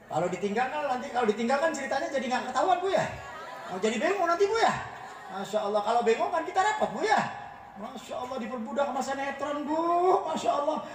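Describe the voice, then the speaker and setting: A man's voice: very high-pitched, a little hiss or hum. A man preaching a humorous sermon, teasing his audience and often asking them whether he is right. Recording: echoey room, voice from far off the mic.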